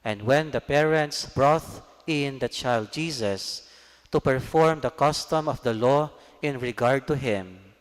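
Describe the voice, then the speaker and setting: A man reading scripture as a priest at Mass, solemn, measured and formal, with cathedral echo around his voice. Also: mid-range voice. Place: large church, amplified. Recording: cathedral echo, long church reverb.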